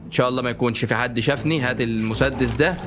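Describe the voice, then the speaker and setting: A man with an Egyptian Arabic accent giving joking let's-play commentary, often bursting into panicked repeated shouts. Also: mid-range voice, fairly even intonation, racing. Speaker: gaming YouTuber. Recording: game music playing underneath.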